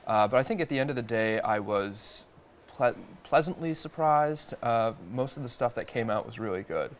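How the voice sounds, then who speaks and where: A man's voice: mid-range voice, lively intonation, moderate pace, slight background noise. A man guest reviewer giving a hesitant, filler-heavy opinion in a casual TV discussion.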